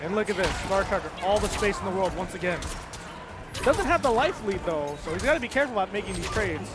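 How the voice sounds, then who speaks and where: High-pitched man calling a fighting game. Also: lively intonation, quick pace, loud music behind the voice. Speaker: esports commentator. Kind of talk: live fighting game commentary.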